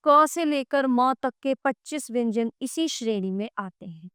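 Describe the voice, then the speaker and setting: A woman's voice: a little high, expressive, fairly bright tone, clear, resonant tone, no room sound, clean studio sound. A woman teaching a grammar lesson, reading out letters one by one with classroom asides. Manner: slow, deliberate listing of letters with classroom asides.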